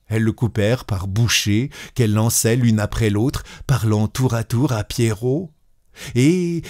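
A man reading a classic short story aloud in a measured, deliberate manner. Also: on the low side, dark tone, no room sound, clean studio sound. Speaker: narrator.

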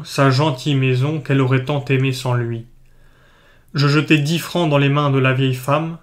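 A man narrating a literary story in a measured, lyrical reading. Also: mid-range voice.

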